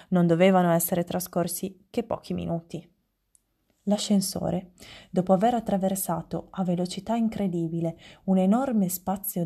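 A woman narrating a children's story aloud, with lively storytelling and small stumbles. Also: medium pitch, husky.

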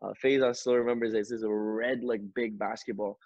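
A man on a video call, casually telling a story in a relaxed, slangy way. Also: on the low side, brisk, no echo, muffled recording. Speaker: podcast co-host.

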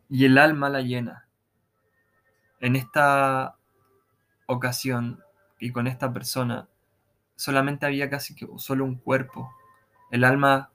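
Man telling a story in a flat voice. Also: mid-range voice. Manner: relaxed, halting, with restarts and colloquial slang. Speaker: narrator of own paranormal experiences. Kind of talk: casual first-person storytelling.

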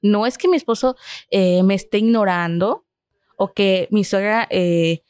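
A woman's voice: mid-range voice, a little slow, a little mellow, smooth, dry recording. A Mexican woman, a psychologist and family therapist, talks in a podcast conversation and explains with personal anecdotes, acting out quoted feelings.

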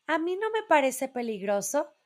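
A woman's voice: sits high, big pitch swings, moderate pace, voice pushed up. A woman voicing a bold, friendly little girl in a storybook. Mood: confident. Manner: bright, confident.

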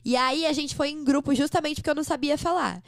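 A woman from Brazil, a podcast guest, telling stories in an animated, chatty way. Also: sits high, quick pace, dry recording. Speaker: interview guest. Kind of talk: casual chat.

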